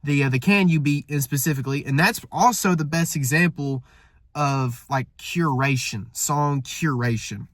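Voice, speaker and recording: Fairly high-pitched and moderately paced, this man reviews an album in a relaxed, rambling way, frequently correcting himself partway through sentences. A cold is setting in, leaving him stuffy and nasal. The clean studio sound carries no room tone.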